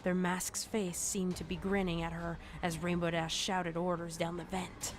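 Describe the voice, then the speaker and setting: With music running under the narration, a woman tells a scripted horror story. She keeps a lowish voice, a level tone, and a moderate pace.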